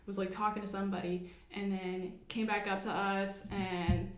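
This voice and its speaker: A young woman co-hosting a podcast, telling a workplace story in a lively, animated way with frequent laughs. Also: mid-range voice, moderate pace. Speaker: podcast co-host. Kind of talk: casual chat. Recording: echoey room.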